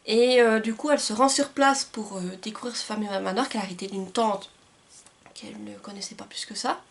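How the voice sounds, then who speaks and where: A woman's voice: mid-range voice, steady tone, brisk, vocal fry. A woman book vlogger talking casually and enthusiastically about books she received, with frequent filler words. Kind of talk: casual book haul chat.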